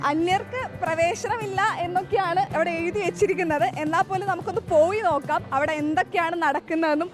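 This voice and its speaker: Very high, quick Malayali woman presenter mixing English. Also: over loud music. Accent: Kerala Malayali. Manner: Malayalam mixed with English slang words. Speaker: vlog presenter. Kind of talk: casual on-location presenting.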